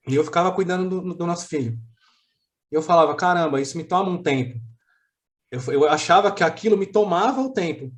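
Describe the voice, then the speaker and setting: Podcast guest, Brazilian man, slightly high voice, earnest and reflective, lots of restarts. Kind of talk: casual interview chat.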